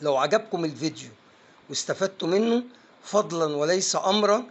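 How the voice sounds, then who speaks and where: An Egyptian man with a voice pitched a little high teaches an online pronunciation lesson. He coaxes his viewers along with emphatic urging and sounds out each word slowly, one syllable at a time. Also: expressive. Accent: Egyptian Arabic. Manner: emphatic, coaxing, drills words slowly syllable by syllable.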